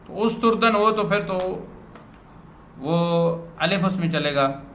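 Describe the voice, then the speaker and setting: A man teaching a grammar lesson to a student, patiently repeating words slowly as a drill. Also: high-pitched, a bit bright. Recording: roomy echo, faint background noise.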